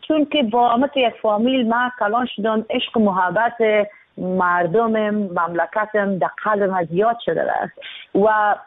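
A young woman singer from Afghanistan speaks in an earnest, reflective way as a guest in a casual interview. Her voice comes over a tinny, phone-like line. It sounds dry, with no room echo. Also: medium pitch.

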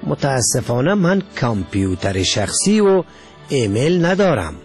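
A man's voice: medium pitch, big pitch swings, a little mellow, faint music behind, close to an everyday voice. A man with an Afghan Dari accent voicing a modest self-made male trader who answers plainly. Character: modest jobless man turned rich trader.

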